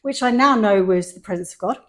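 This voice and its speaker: With a brisk, mid-range voice, this middle-aged podcast host from England chats casually through her own story. Her accent blends London and Sheffield, and she brings quoted voices vividly to life.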